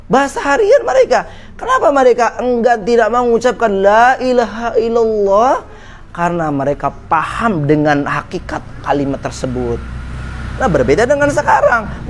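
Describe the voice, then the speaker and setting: A man's voice: sits high, slight background noise. A man preaching an Islamic study lecture to women, in a conversational way, often putting questions to his listeners. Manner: conversational, asks the audience questions.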